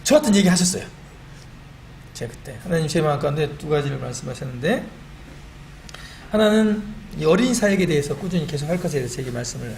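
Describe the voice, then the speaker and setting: A middle-aged man giving a church testimony, animated and self-deprecating, recorded in a church meeting hall. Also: a little high, vocal fry. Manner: animated and self-deprecating, quotes his own prayers. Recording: echoey hall with faint room noise.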